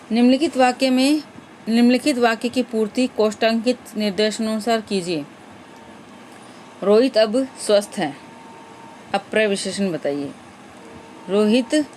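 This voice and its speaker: Patient woman teaching grammar, slightly high. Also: darkish tone, a little hiss or hum. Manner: explains patiently, repeating questions and options aloud. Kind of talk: exam-prep grammar lesson.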